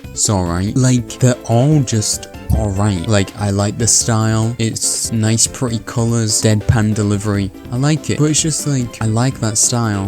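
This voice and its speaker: A young man reviewing movies in a casual, rambling, sardonic way, full of "like" fillers. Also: fairly low pitch.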